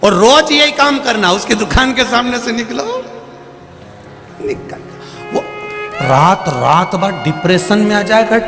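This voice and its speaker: A man preaching a devotional sermon to a large live gathering, animated and exhorting with folksy humor, on a stage microphone. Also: high-pitched, takes it slowly, long pauses. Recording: reverberant hall with music.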